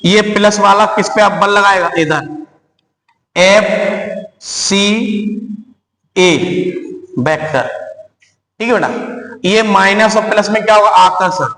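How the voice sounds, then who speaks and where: A man's voice: high-pitched, takes it slowly, long pauses, sharp tone. A man teaching a physics class at the board, often calling his students "beta" and answering his own questions as he works through each step. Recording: echoey room.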